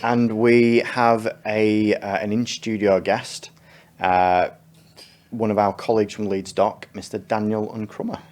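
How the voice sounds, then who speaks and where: A man's voice: lowish voice, level tone, a little slow, darkish tone. A man hosting a podcast in a casual, chatty way, laughing easily and using many ums. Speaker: podcast host.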